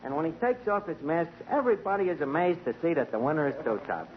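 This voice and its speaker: In a muffled, hissy 1940 radio recording, a man with a fairly high voice talks quickly. He plays a wisecracking tavern manager in a 1940s radio comedy, lively and constantly tripping into malapropisms.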